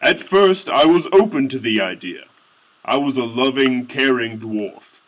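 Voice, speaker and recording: A man's voice: medium pitch, lively intonation, unhurried, poor audio. A man narrating a satirical fantasy story in a mock-earnest tone with indignant outbursts.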